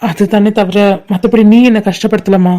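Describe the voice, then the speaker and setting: A woman voicing a gentle, caring young husband who speaks softly and reassuringly. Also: medium pitch, steady tone, normal speed, pitched below the performer's own voice, close to an everyday voice. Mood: tender. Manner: soft, reassuring, affectionate.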